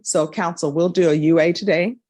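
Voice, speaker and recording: A woman judge runs a hearing in a calm, procedural, plainly spoken way, her voice sitting a little low. The courtroom recording is dry, with little room sound around her words. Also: a little fast, no room sound.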